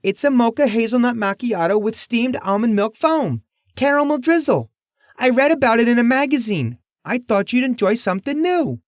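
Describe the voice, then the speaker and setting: A nervous young waitress, as a male narrator puts her on, her voice pushed up high and thin. She stammers and hurries to please, reaching well above the reader's own low register, in a close, dry audiobook read. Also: lively intonation, normal speed, dry recording. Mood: flustered. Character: timid young female diner waitress.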